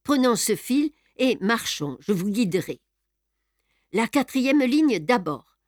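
A woman voicing an excitable young male investigator in an audiobook, asking urgent, agitated questions. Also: on the high side, slow pace, no room sound, clean studio sound, exaggerated voice. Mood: explaining. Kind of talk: audiobook character reading.

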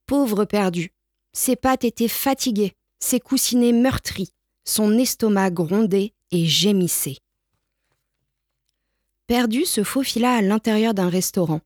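Slow, gentle woman reading a storybook. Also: mid-range voice, no room sound, clean studio sound. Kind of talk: children's storybook read-aloud.

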